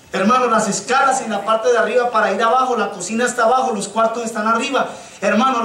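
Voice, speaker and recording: A man's voice: extremely high pitch, pushed and bright. A man from Colombia, preaching a sermon and telling stories with passion, often calling his listeners brother. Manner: impassioned storytelling, keeps addressing listeners as brother. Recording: echoey church sound from a distant mic.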